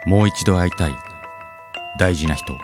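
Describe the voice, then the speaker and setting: In a dramatic scripted trailer for an audio drama, a man plays a solemn narrator with a low-pitched, lightly acted voice at a moderate pace. Prominent mallet percussion music sits behind his voice.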